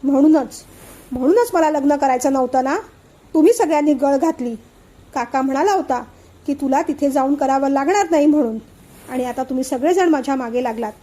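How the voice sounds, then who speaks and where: Woman doing a headstrong young woman in an audio story, indignant and sulky, high mellow voice. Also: moderate pace, pauses often, rough recording. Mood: defiant. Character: defiant young bride-to-be, stubborn and sulky.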